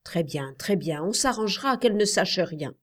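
A woman reading a storybook, voicing a gentle, cautious uncle who speaks in a measured way. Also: sits high, expressive. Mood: reassuring. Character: kindly, cautious male uncle.

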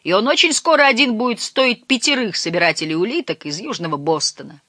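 Cheeky teenage boy on a fishing boat, teasing, high voice, as a reader puts him on, storybook. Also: animated, a little fast, pushed and bright, no room sound, studio quality. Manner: teasing, cocky. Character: cheeky teenage fisherman's son.

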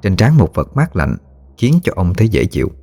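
A man reads a ghost story aloud in a measured, somber voice. His voice is very low and deep, and he keeps a steady storytelling pace. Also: vocal fry. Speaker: narrator. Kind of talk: scripted horror story narration.

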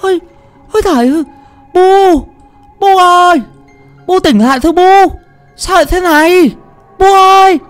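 A man voicing a young daughter who wails in a very high falsetto. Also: normal speed, pauses often, faint music behind. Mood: panicked. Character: panicked young daughter wailing.

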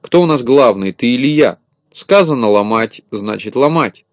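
A man voicing a boastful, bossy little shorty who shouts and gets flustered in a storybook reading. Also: mid-range voice, expressive, moderate pace, dry recording, clean studio sound, natural voice.

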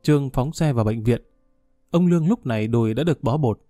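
Dark-voiced storyteller. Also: male voice, mid-range voice, fairly quick, dry recording, studio quality, soft background music. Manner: steady, even storytelling. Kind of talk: scripted story narration.

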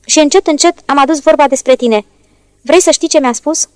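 A woman's voice: high voice, darkish tone, dry recording, studio quality, natural voice. A woman voicing a stern, contemptuous older male lawyer who speaks curtly and condescendingly in a storybook reading. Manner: curt, condescending.

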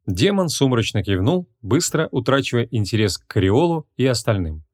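A man narrating a humorous fantasy audiobook in a measured, expressive reading. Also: mid-range voice, no room sound, studio quality.

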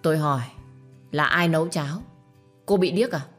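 Cold young master, flat curt tone, woman doing him, low voice. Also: normal speed, faint music behind.

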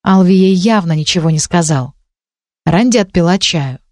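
A woman narrating an audiobook in a measured, expressive way. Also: on the low side, no echo, clean studio sound.

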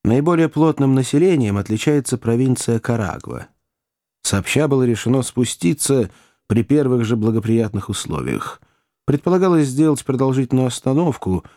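A man reading an adventure novel aloud in an even, descriptive storytelling manner. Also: medium pitch, no echo, studio quality. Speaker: audiobook narrator. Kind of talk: scripted audiobook narration.

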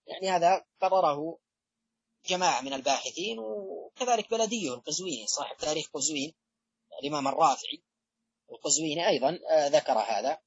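Halting, husky-voiced male lecturer. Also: on the high side, no room sound, highs cut off. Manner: halting delivery with frequent drawn-out fillers and restarts. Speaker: lecturer on hadith studies. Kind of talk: academic religious lecture.

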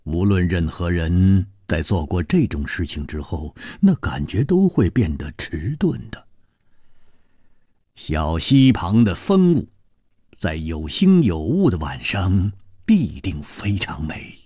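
A man's voice: sing-song, mellow, slightly rough, no room sound, clean studio sound. A man narrating a story in a dramatic storytelling style. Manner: dramatic, slow, widely varied pitch.

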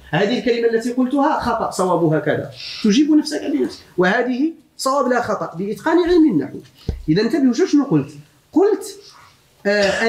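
A Moroccan man gives a grammar lesson at a quick clip, his voice rising and falling with lively swings. He keeps turning to his students with questions. The room around him rings with echo. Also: high-pitched. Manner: animated, questions the students, mixes classical Arabic with dialect. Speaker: religious teacher of Arabic grammar. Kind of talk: classroom lecture.

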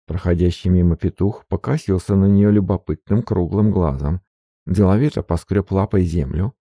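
A man reading a novel aloud as the narrator, in a measured, even storytelling manner. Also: deep voice, no room sound, studio quality. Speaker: audiobook reader. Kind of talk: scripted narration.

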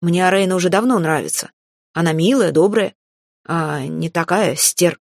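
A woman voicing a hot-tempered young male mage who blusters and shouts indignantly in an audiobook. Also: lowish voice, moderate pace, creaky, dry recording, clean studio sound.

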